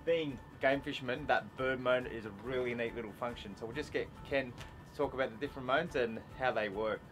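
An enthusiastic Australian man in his thirties shows off gear from an open boat deck, in a voice of everyday pitch. He talks easily and keeps things upbeat. Music plays clearly under his voice. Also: brisk, poor audio. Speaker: fishing show host. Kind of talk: casual product demo.

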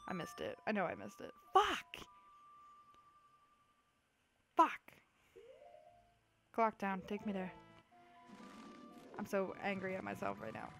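A woman's voice: mid-range voice, fairly even intonation, moderate pace, creaky, long pauses, soft background music. A young woman giving chatty, goofy gameplay commentary, swearing freely as she plays. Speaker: let's play host.

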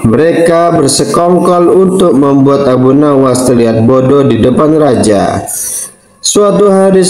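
A man narrating a folk tale in an even, steady storybook reading. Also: fairly high pitch. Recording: roomy echo.

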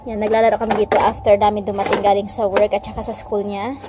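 A woman's voice: medium pitch, little pitch movement, fast talker, heavy background noise. A woman in her thirties chatting to a handheld phone camera as she vlogs about her day at home and in the backyard. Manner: chatty, talks to camera while doing chores. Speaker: vlogger. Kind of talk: casual home vlog. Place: house and backyard.

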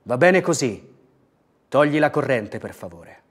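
A man putting on a loud mock-preaching young man. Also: medium pitch, expressive, a little slow. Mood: lively. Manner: loud, theatrical, mock-solemn.

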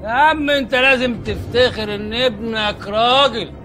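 A cheeky Egyptian neighbour in a TV comedy, talking back with quick, sassy retorts. His voice is high and bright. Light music sits behind him. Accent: Egyptian Arabic. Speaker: comic supporting character in a TV series. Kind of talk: sitcom comedy acting.

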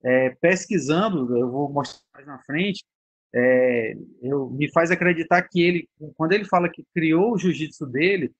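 Breathy-voiced man giving an online lecture. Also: on the high side, dry recording. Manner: explanatory, conversational, frequent tag questions.

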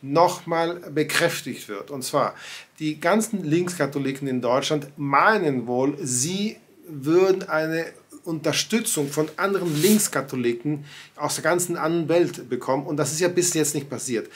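Seated in a home study with bookshelves and pictures, a native Spanish-speaking man in his sixties offers conversational commentary on church affairs to the camera. His voice is on the high side at a moderate pace, full of fillers and restarts, with slight background noise.

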